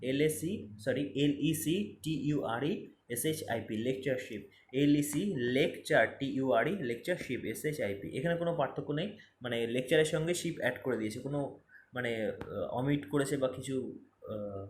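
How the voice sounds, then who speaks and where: Fast-talking male spelling teacher. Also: mid-range voice, a little hiss or hum. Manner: spells words letter by letter, repeats for emphasis. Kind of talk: exam-prep spelling lesson. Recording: roomy echo, faint ambience.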